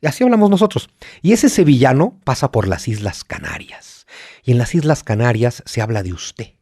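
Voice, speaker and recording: Passionate Mexico City man, animated. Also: mid-range voice, moderate pace, husky, no room sound, clean studio sound. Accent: Mexico City Spanish. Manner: passionate and emphatic, lists points with rising energy. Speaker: guest historian. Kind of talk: podcast interview.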